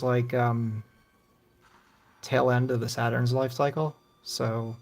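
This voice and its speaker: A man's voice: medium pitch, gravelly. A middle-aged man live-streaming retro games, rambling offhand and swearing casually as he plays. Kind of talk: casual gaming commentary.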